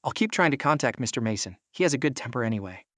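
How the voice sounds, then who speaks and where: A man's voice: mid-range voice, animated, fast talker, fairly bright tone, no room sound, lightly acted. A man reading the lines of a tired, tactful female assistant in a story recap, soothing and hesitant. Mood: placating.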